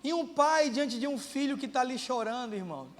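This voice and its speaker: A male pastor preaching a sermon with passion, moving from quiet talk to shouted prayer. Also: very high voice, expressive, brisk, in a large hall. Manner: impassioned, swings from quiet to shouting. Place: church.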